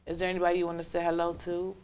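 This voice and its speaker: A woman hosting casual interviews, effusive and upbeat, often rising loud and high with enthusiasm. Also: monotone, rapid-fire, clean tone. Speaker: host.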